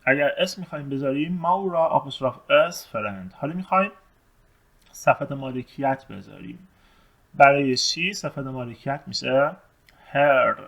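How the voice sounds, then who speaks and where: A man teaching English, reading test sentences slowly and then translating and explaining them. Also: mid-range voice, gravelly, fairly bright tone, poor audio.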